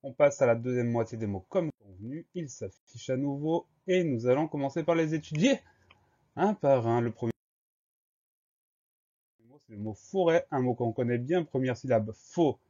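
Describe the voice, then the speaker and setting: A man's voice: mid-range voice, expressive, moderate pace, mellow, muffled recording. A male teacher leading a spelling lesson, carefully spelling words out letter by letter. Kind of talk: dictation lesson.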